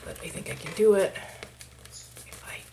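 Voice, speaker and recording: A woman's voice: moderate pace, dark tone. A middle-aged woman with a Maine accent, chatting through each step of a hands-on craft tutorial and muttering asides to herself. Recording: noisy home recording with clicks.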